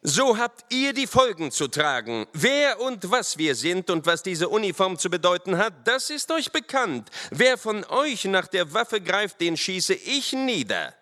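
A man's voice: high voice, sing-song, measured pace, hardly any pauses, sharp tone, voice pushed up, heavily acted. A man playing a barking young cavalry lieutenant. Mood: stern. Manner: harsh, barking orders. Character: stern young male cavalry lieutenant, commanding. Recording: long hall reverb.

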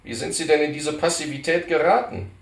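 A man voicing a calm, confident frontier scout who speaks in a steady, reassuring way, in a storybook reading. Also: a little high, brisk, voice pushed up, lightly acted. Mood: assured. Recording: roomy, distant mic.

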